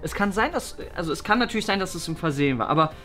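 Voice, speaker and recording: A man playing a caring father in a family role-play drama who gently coaxes his daughter and firmly protects her. His voice moves lively up and down, with faint music beneath. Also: high voice, rapid-fire. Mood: insistent. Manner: gentle, then insistent.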